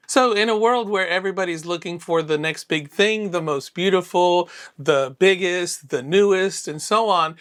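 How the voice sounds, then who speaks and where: A man from Florida presents an educational video in a friendly, explanatory manner. His voice sits slightly high for a man, and his talk runs loose, with fillers and restarts along the way. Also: a bit bright. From Florida, USA. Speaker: tarantula channel host.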